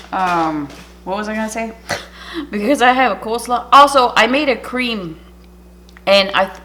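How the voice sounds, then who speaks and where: Her mid-range voice sounds bright and forceful over slight background noise. She's a cooking YouTuber, French by first language, chatting, rambling and interrupting herself during an air-fryer demo in her home kitchen.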